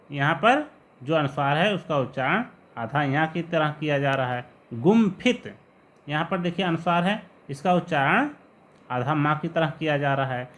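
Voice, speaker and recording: Male grammar teacher, a touch high-pitched, patient and repetitive explaining. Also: fairly bright tone. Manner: patient, repeats each example word slowly. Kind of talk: explanatory lesson.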